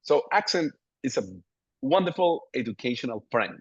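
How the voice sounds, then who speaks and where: A man's voice: medium pitch, expressive, normal speed, husky, no echo. Man lecturing. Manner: chatty, jokes about his accent. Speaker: pediatric dentist giving a webinar. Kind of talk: lecture over slides. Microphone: video call. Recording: dull, dry webinar audio.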